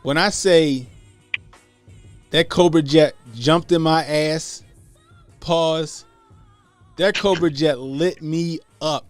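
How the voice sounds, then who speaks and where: A man's voice: fairly high pitch, fairly even intonation, takes it slowly, pauses often, no echo, soft background music. A man in his late thirties from the Baltimore area, hosting a podcast and telling profane, laid-back stories in casual chat. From Baltimore area, USA. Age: 30s. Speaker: podcast host.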